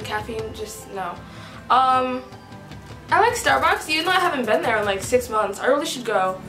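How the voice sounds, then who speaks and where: Talking to a close-range camera mic in her small bedroom, a teenage vlogger, 15 and from the US East Coast, rambles cheerfully through a get-to-know-me chat on a shared channel. She peppers it with "like" and "whatever", her voice high, bright and forceful, with reverb in the room.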